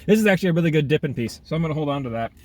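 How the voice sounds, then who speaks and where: A slightly high-voiced man chatting through a casual food review vlog while he eats. He talks with his mouth full and breaks into eager exclamations. He is filming himself outdoors in half sun, half shade. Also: animated, rapid-fire. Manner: chatty, eating while talking, frequent exclamations. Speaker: food vlogger.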